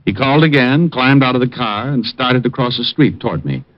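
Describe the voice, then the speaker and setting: In the style of 1940s-50s radio drama, an actor voices a cool, wisecracking private detective narrating his case with dry, hardboiled wryness. His mid-range male voice is expressive, brisk and lightly acted. The vintage recording sounds dull, with faint music behind it.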